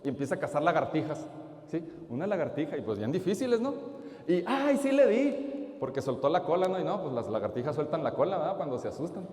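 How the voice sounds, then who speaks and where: Man, lay preacher, storytelling sermon, fairly high voice, big church reverb. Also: quick pace. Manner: lively, asks the audience questions. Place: large church. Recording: echoey church hall.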